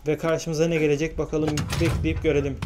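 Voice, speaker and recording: A man's voice: on the high side, little pitch movement, a little fast, heavy background noise. A young man commenting on his own gameplay, grumbling and exasperated, muttering and then burst into frustration. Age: young adult. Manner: grumbling, exasperated, swears he's bursting with curiosity. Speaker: gaming channel host. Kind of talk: let's-play commentary.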